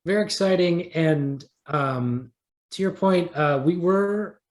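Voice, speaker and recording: A man with a higher voice speaks slowly as an interview guest, an audio drama creator. He talks casually and conversationally, his loose sentences full of likes and repeated starts.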